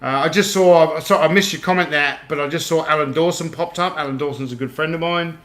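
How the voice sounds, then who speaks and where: Reading viewer comments aloud and laughing readily, a British livestream host who auctions toys chats casually from an echoey home room in Australia. His voice is a little high, a little fast and somewhat bright.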